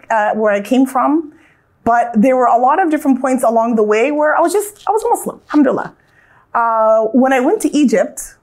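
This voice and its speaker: An American woman in her thirties from Southern California, with a voice on the high side, reflects earnestly on her life. She tells it casually, like a story, often restarting her sentences.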